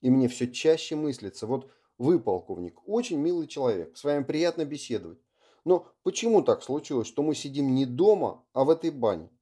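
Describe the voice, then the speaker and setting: A man voicing a calm, resigned English officer who speaks politely and in measured phrases. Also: medium pitch, pitched above the performer's own voice. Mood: musing.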